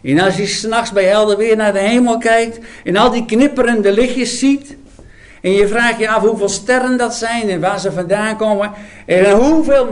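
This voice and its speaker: Emphatic high-voiced male preacher. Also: creaky. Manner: dramatic storytelling, emphatic. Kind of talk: sermon.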